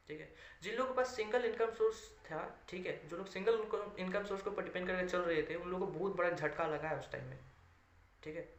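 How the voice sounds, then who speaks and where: A man's voice: high voice, fairly bright tone. A man giving a casual motivational talk to fellow network-marketing members, filling nearly every sentence with "okay" and repeating his points for emphasis. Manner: mixes English words into Hindi speech. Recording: echoey room, dull lo-fi sound.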